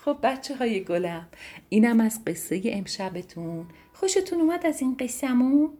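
A woman narrating a bedtime story for children, gentle and soothing. Her voice is mellow and a little husky, and her pitch rises and falls in a lively, sing-song way.

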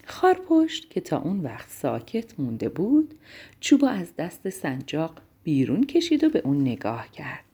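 Husky woman reading a bedtime story. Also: deep voice. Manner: gentle, expressive, drops to a whisper at times. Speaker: children's storyteller.

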